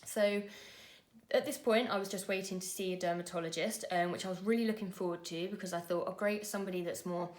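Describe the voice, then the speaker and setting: A woman, telling a personal story to camera in an earnest, conversational way with frequent pauses and fillers. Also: mid-range voice, steady tone. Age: 20s. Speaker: vlogger.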